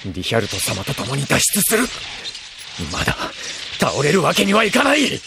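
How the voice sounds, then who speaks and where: A man's voice: lowish voice, huge pitch swings, normal speed, very noisy. A man playing a proud, determined enemy pilot in a Japanese sci-fi game, with an intense, haughty, dramatic delivery.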